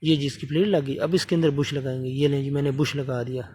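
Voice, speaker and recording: A man's voice: medium pitch, fairly even intonation, darkish tone, slight background noise. A man from Pakistan explaining a motor repair at his workbench, talking while he works and often checking in with the viewer. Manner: talks while working, often asking viewers to subscribe; repeats fillers and checks in with the viewer. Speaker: electronics repair technician. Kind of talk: hands-on repair tutorial.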